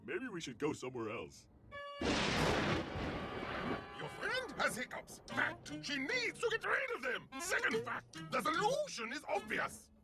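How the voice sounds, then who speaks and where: A gleeful, petty cartoon tyrant, cackles and taunts in a sing-song way. His voice sits high and swoops wildly, with an unhurried delivery. Loud music plays beneath him. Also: wildly swooping pitch, heavily acted. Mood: taunting. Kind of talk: cartoon voice acting.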